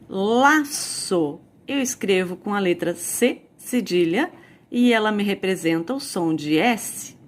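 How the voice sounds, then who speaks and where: A woman with a Brazilian Portuguese accent teaching a recorded video lesson, explaining slowly, spelling out sounds and repeating key points. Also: mid-range voice.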